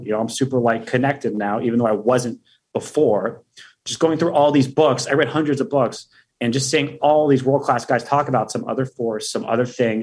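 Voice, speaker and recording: Husky, hyped-up man talking big. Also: medium pitch. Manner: energetic, profane, hype-driven. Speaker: podcast guest. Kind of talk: casual interview talk.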